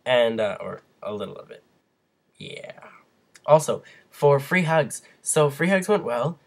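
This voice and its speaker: A man's voice: medium pitch, big pitch swings, unhurried, vocal fry. Young man with hiccups, rambling vlog. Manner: rambling, restarts, frequent fillers. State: has hiccups; sick. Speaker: vlogger. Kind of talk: casual vlog update. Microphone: computer webcam mic.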